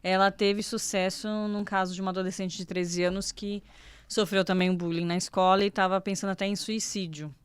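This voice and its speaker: A woman's voice: medium pitch, flat delivery, brisk, clean tone, no echo. A Brazilian woman with a Brazilian Portuguese accent, a holistic psychotherapist hosting a podcast who listens attentively and asks questions. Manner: attentive, many affirming "uhum" and "legal". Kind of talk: podcast interview.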